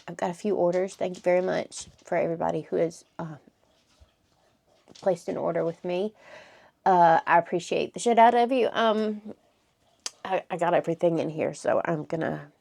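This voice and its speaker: A woman with a lowish, gravelly voice talks casually in her home craft studio vlog. She rambles in a chatty, easygoing way and drops the odd swear word. Her voice has a steady vocal fry under it. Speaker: crochet vlogger.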